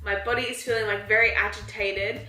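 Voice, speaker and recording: Chatty young Australian woman, bright voice. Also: medium pitch, steady tone, brisk, roomy sound. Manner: chatty, frequent "like" fillers, self-mocking. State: unwell, tired and in pain. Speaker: vlogger. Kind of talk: casual vlog to camera. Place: home apartment, indoors. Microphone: handheld camera.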